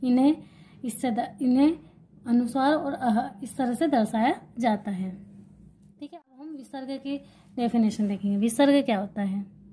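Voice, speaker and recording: A woman's voice: fairly high pitch, normal speed, dark tone, slight background noise. A woman teaching an exam-prep grammar lesson, explaining while writing and repeating key points, asking questions and answering them herself.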